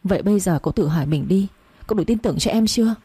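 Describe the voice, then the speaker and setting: A woman's voice: medium pitch, racing, warm tone, breathy edge. A woman voicing a young wife who bitterly reproaches her husband. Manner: reproachful, pleading.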